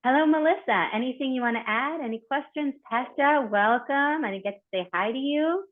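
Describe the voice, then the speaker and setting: A woman's voice: high-pitched, a little fast. Woman coach on a tinny call line. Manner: animated, encouraging, asks reflective questions. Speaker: host and coach of an online community group. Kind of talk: coaching talk in a group call. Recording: tinny phone-like video call audio.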